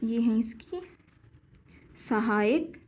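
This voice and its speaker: A woman teaching a geography lesson, slowly repeating key names and quizzing her students with questions as she draws on a board. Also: a little high, darkish tone. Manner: slow and deliberate, drawing on a board while explaining.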